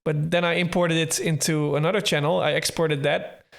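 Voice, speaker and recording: A man's voice: on the high side, steady tone, moderate pace, gravelly, a bit bright. A man walking through how he made a track, in casual tutorial talk, thinking aloud with small restarts. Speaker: music producer explaining his track.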